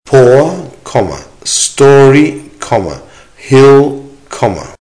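Man, medium pitch, slow pace, dictation reading, careful enunciation, repeated phrases, spoken punctuation. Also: sing-song, a little mellow, low-quality recording. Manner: deliberate, measured enunciation with pauses. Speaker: language teacher reading dictation.

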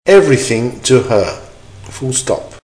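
A man reading a dictation exercise as a teacher, in short, measured, deliberate phrases with punctuation spoken aloud. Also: medium pitch, big pitch swings, darkish tone, low-quality recording. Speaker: language teacher giving dictation.

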